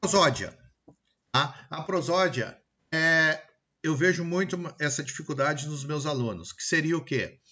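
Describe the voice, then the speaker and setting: Bright-voiced Brazilian man teaching grammar. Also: on the high side, expressive, highs cut off. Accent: Brazilian Portuguese. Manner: explanatory, pausing with frequent "tá?" and "ok?" checks; slow, deliberate word-by-word example pronunciations. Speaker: Portuguese teacher. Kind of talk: recorded lesson lecture.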